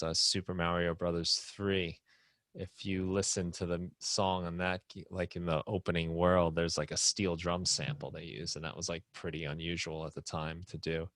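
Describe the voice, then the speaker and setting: A man's voice: sits low, a bit bright, no echo. A man hosting a live online music production class, explaining casually with many fillers and restarts.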